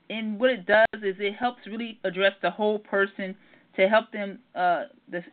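Woman over a tinny phone line. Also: fairly low pitch. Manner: earnest, with many ums and repeated words. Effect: heard over a phone line. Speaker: family therapist calling in as guest. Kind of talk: casual radio call-in interview.

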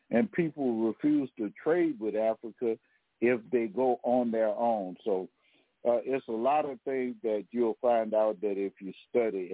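A man hosting a history talk podcast, lecturing in a rambling, halting way with many fillers and restarts, heard over a phone line. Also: lowish voice, no room sound. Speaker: podcast host. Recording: tinny phone line, dry.

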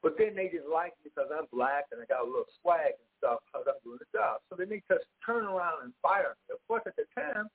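A man with a somewhat high, husky voice comes through over a thin, tinny phone line into a radio show. He argues with emphatic conviction, piling up rhetorical questions. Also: sing-song, fairly quick, few pauses. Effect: heard over a phone line. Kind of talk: impassioned call-in commentary.

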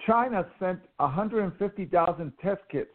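A man's voice: high-pitched, lively intonation, normal speed. A male radio host on a political call-in show, agreeable and chiming in briefly with a guest. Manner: agreeable, brief backchannel, laughs along. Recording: phone-line call-in audio.

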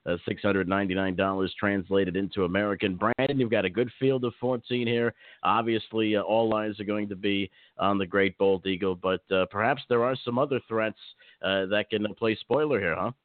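A man with a low voice hosts a live horse racing talk show in a casual interviewing style. The sound is dry and narrow, like a phone line. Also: no echo.

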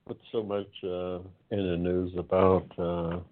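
A man in his seventies hosting an online talk forum, speaking in a casual monologue that is unhurried and reflective, with many pauses and drawn-out words. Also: low voice, flat delivery. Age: 70s. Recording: tinny phone-line sound.

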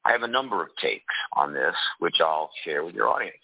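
An older man with a deep, rich bass voice thickened by a cold, talking haltingly and deliberately as an interview guest. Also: lively intonation, creaky, phone-quality sound, slight background noise. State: congested with a cold. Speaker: guest, political activist and disclosure advocate. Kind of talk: interview talk.

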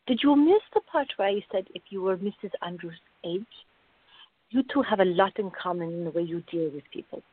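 In a radio drama, an actress plays a calm woman with a slightly husky, mid-range voice, measured and placating as she gently but firmly reasons through an explanation. The sound is tinny and band-limited like a phone line, with an echoey room.

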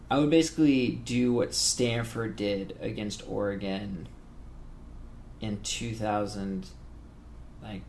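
A man hosting a casual sports podcast, talking through the game in a self-described monotone with plenty of fillers. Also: on the low side, creaky, a little hiss or hum. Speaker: podcast host.

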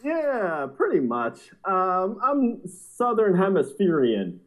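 A man's voice: high voice, wildly swooping pitch, slow, rough recording. A man with a New Jersey accent co-hosting a podcast over a video call, joking around and laughing often. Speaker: podcast co-host. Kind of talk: casual chat.

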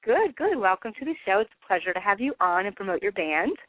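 A woman with a New Jersey accent hosts an informal radio interview. She is chatty and effusive, with a mid-pitched voice. The audio is dry and narrow, like a telephone line. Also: sing-song, fast talker, no echo. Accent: Northeastern US, New Jersey. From New Jersey, United States. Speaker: radio show host, interviewer. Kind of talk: casual radio hosting.

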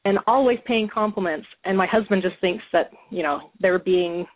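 Radio call-in listener, woman, jittery and emotional, husky voice down a thin phone line. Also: mid-range voice, moderate pace. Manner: nervous and emotional, with laughs between thoughts. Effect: caller's voice heard over a phone line. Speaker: radio show caller. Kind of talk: casual call-in chat. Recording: dry tinny phone line.

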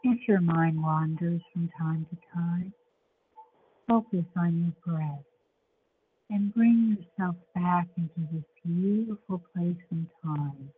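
Slow-paced woman guiding a relaxation, lo-fi. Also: on the low side. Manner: soothing, measured, with long pauses between short phrases. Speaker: show host and guided imagery facilitator. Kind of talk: guided relaxation meditation. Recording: dull lo-fi sound with faint background noise.

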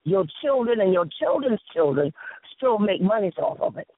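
A woman from the South Carolina Sea Islands with a Lowcountry Gullah Southern accent tells stories conversationally and emphatically, repeating phrases and acting out dialogue. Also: big pitch swings, normal speed, breathy edge, no echo. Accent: Lowcountry Gullah Southern American. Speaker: interview guest. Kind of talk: animated conversational storytelling. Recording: narrow, tinny phone-like audio.

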